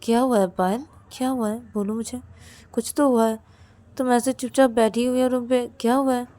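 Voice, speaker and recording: A caring young woman who keeps asking what is wrong and gently coaxes her partner. She sounds worried and insistent, and her pitch climbs as she presses, as a woman storyteller puts her on. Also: fairly even intonation, normal speed, natural voice. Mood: coaxing. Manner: coaxing, repeated worried questions. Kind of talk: storybook narration.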